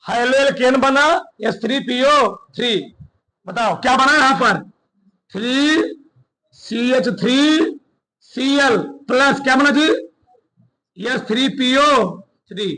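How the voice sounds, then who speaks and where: Over a low-quality recording, a chemistry teacher lectures briskly in a remarkably high, bright and forceful male voice. He fires questions at his students in call-and-response drills, answers them himself, and dictates notes word by word, repeating as he goes.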